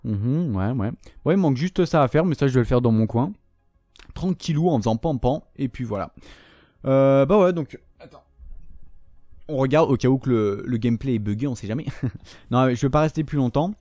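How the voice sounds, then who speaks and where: A man commentating his own shooter gameplay, excitable and swearing often, shouting at opponents. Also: medium pitch, moderate pace, no room sound, faint music behind. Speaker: gaming YouTuber.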